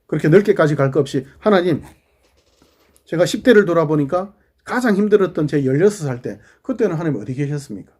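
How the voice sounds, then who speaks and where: Middle-aged guy preaching, mellow husky voice, chatty sermon with quiet asides. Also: a little high, expressive, fast. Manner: conversational preaching, asks the congregation questions, drops to quiet asides. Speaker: pastor.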